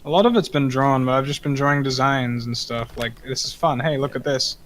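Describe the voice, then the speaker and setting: A man's voice: medium pitch, brisk, a bit bright, a little hiss or hum. A man streaming live, chatting loosely about his drawing ideas, with frequent chuckles. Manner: rambling and chuckling, often reading aloud. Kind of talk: casual chat on a live stream.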